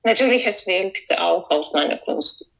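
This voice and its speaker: A woman, a composer answering interview questions. She talks hesitantly, searching for words and filling pauses. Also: fairly low pitch, expressive, vocal fry, a bit bright, poor audio. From Ukraine.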